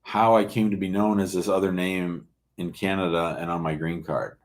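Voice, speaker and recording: Fielding immigration questions from callers, this call-in host offers casual legal guidance, direct and inquisitive in tone. He speaks at a moderate pace in a low voice with little pitch movement.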